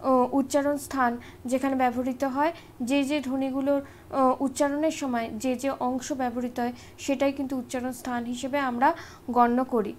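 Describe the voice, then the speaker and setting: A woman's voice: sits high, level tone, a little fast, darkish tone, slight background noise. A woman teaching an exam-prep grammar lesson, explaining step by step and often checking in with short tag questions.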